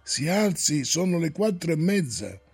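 Man doing a grumbly old manservant, nags and coaxes, slow and husky. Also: on the high side, very animated, darkish tone, faint music behind, heavily acted. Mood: nagging. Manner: nagging, coaxing.

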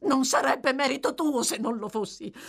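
A woman's voice: animated, moderate pace, gravelly, husky, exaggerated voice. Nancy, a bitter defiant young woman, read by a woman. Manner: high, sharp and bitter.

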